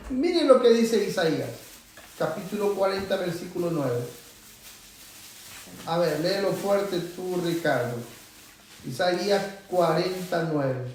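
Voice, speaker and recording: In an echoey church hall, heard from a distance, a high-pitched man preaches to his congregation with lively intonation, speaking slowly and pausing often. His emphatic exhortation climbs louder as he drives each point home, over a faint hiss or hum.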